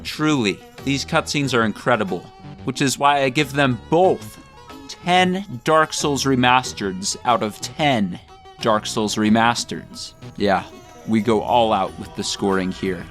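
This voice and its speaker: A male video essay host delivers scripted comedic commentary in a mock-grandiose, tongue-in-cheek manner over light background music. His voice is middling in pitch, a bit bright, and unhurried.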